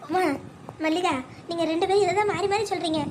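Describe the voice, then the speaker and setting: An anxious mother of the bride in a cartoon story, voiced by a woman, wailing and despairing in a very high, quick voice. She frets aloud about her daughter. Steady background noise lies behind her.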